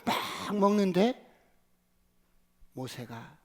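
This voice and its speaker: High-voiced pastor preaching with dramatic swings. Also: male voice, animated, very slow, long reverb tail. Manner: dramatic storytelling, shouting acted crowd lines and whispering inner thoughts. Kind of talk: sermon.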